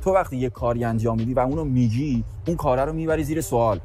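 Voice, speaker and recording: A man's voice: medium pitch, warm tone, soft background music. A man on a reality show patiently explaining his view in a group talk. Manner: patient, explaining, repeats "okay?". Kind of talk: earnest advice in a group discussion.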